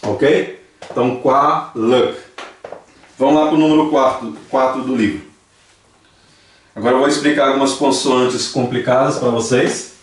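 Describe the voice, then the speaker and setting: A man with a Brazilian Portuguese accent teaching a language class, patiently repeating words slowly for his students. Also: medium pitch, steady tone. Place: church hall classroom. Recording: echoey church hall from far off, faint noise.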